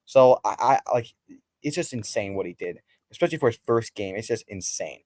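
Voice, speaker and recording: A young man hosting a casual sports podcast, talking in an excitable, slangy, ranting way. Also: medium pitch, brisk, no echo, clean studio sound. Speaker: podcast host.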